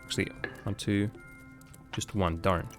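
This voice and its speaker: A young Latvian man, not a native English speaker, thinks aloud while gaming on a livestream and answering chat. His deep voice stays steady and a little slow, with soft music in the background.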